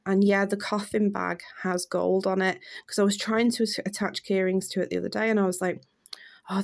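A woman's voice: mid-range voice, creaky. Gushing woman unboxing gifts. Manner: chatty, gushing, enthusiastic. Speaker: beauty vlogger. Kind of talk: casual unboxing chat to camera.

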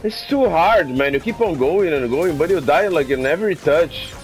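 Homem brasileiro exasperado jogando videogame. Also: male voice, fairly high pitch, lively intonation, normal speed. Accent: Brazilian Portuguese. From Brazil. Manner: exasperated, swings into loud cries of despair. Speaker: gameplay streamer. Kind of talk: gameplay commentary in Portuguese and English. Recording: game music faintly behind.

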